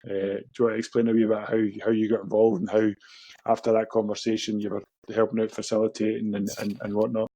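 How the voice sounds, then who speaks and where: A man's voice: lowish voice, completely flat delivery, fast, warm tone, breathy edge, dry recording. A man with a Scottish accent hosting a podcast in an informal, matey, chatty way. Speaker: podcast host. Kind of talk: casual chat, interviewing.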